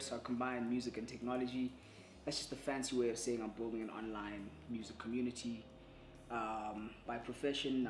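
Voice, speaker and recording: A man's voice: mid-range voice, reverberant, slight background noise. A man answering interview questions in a thoughtful way, with many fillers and restarts. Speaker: entrepreneur and attorney.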